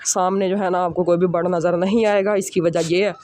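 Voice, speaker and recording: A man's voice: sits high, flat delivery, brisk, background noise. A man from Pakistan with a Pakistani Urdu accent, chatting casually to the camera as he tends his birds. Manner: chatty, repeats filler phrases, talks while handling birds. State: out of breath after climbing stairs. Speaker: bird breeder vlogger. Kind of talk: casual walk-through vlog. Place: rooftop bird setup, outdoors. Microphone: handheld camera held in one hand.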